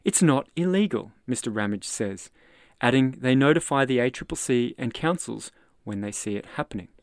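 A man with an Australian accent reads his own written article aloud, steady and explanatory, with a voice of middling pitch. The sound is dry and close, with no room around it. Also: no echo. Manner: measured, explanatory reading with quoted passages. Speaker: podcast host reading his article. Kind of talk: read-aloud article narration.

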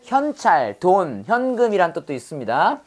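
A woman leads a classroom vocabulary lesson. She is playful and lively, drilling each word aloud and slipping in pun stories with acted-out voices. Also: lowish voice, normal speed. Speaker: English teacher.

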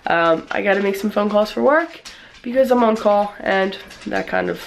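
A woman's voice: mid-range voice, moderate pace, a little hiss or hum, low-quality recording. Chatty young woman vlogging casually. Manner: chatty, rambling with many fillers. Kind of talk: casual vlog chat.

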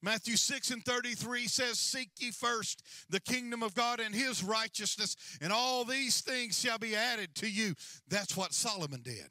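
A man's voice: very high-pitched, a little slow, bright, forceful tone, no room sound. A middle-aged man preaching a sermon as senior pastor on a large church stage, with a handheld mic and a repetitive, rising and falling cadence.

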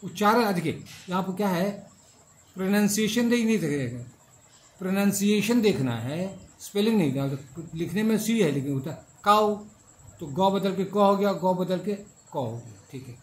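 A man's voice: sits high, animated, moderate pace, a little hiss or hum. A middle-aged male professor lecturing a class, repeating each point and checking that students follow. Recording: echoey classroom with faint ambience.

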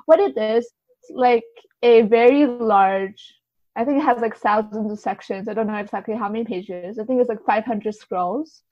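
Heard through dull, slightly lo-fi audio, a woman with a fairly high pitch and moderate pace explains things as a podcast guest. She sounds casual and tentative, hedging and saying "like" a lot.

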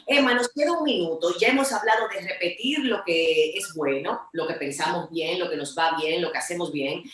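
Low-voiced woman host in an echoey room. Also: moderate pace, fairly bright tone. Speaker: talk show host. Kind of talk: radio talk show conversation.

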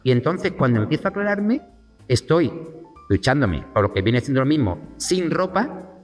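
A man spins a lively anecdote as a talk show guest, jumping into the voices of the people in his story. His voice sits a little high. The sound rings with a long hall reverb, and faint music plays underneath. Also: moderate pace. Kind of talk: animated anecdote telling.

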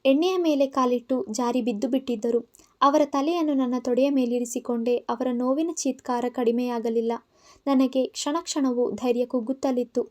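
A woman narrating a first-person audio story in an expressive, heartfelt reading. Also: high-pitched, normal speed.

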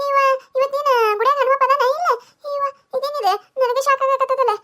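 A woman doing a shrill nagging village mother-in-law. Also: level tone, a little fast, sharp tone. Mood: grumbling. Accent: North Karnataka. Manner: grumbling, nagging, talking to herself. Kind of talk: cartoon comedy voice-over.

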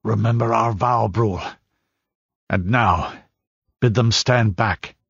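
Grim brooding king, slow and husky, man voicing; storybook reading. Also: on the low side, a bit bright, no room sound, muffled recording, full character voice.

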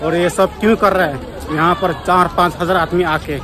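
A man's voice: sits high, fairly even intonation, moderate pace. A young man vlogging casually to viewers from a street rally, chatty and calling them brother. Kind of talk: casual vlog narration at a rally. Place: outdoors on a crowded street. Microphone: phone held at arm's length. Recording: loud crowd behind.

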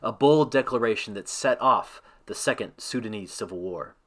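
A man giving a scripted devotional narration that ends in a prayer, reading in a measured, reverent way. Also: on the low side, a bit bright.

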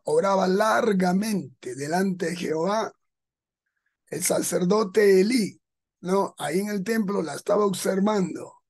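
A pastor from Peru preaches a sermon to his congregation slowly and deliberately, explaining each point with small rhetorical asides. His voice sits high and is slightly husky, with a darkish tone.

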